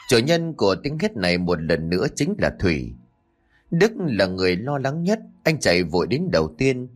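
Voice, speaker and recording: A man narrating a horror audiobook in a dramatic, expressive way. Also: mid-range voice. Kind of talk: scripted horror story narration.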